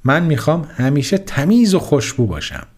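A man's voice: on the high side, huge pitch swings, a little mellow. A man voicing an eager, proud little schoolboy in a children's story.

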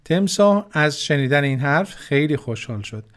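Guy reading a kids fable, slightly higher voice, gentle and talks right to the kids. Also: lively intonation. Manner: gentle, addresses children directly. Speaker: storyteller for children. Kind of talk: scripted narration.

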